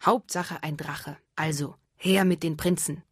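A woman voicing a stubborn, blustering old king in a fairy tale, gruff and pompous. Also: low-pitched, steady tone, unhurried, no room sound, studio quality.

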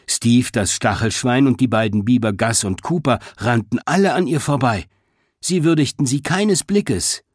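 A man narrating a children's story in an expressive, scripted reading. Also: fairly low pitch, husky, dry recording, studio quality. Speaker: audiobook narrator.

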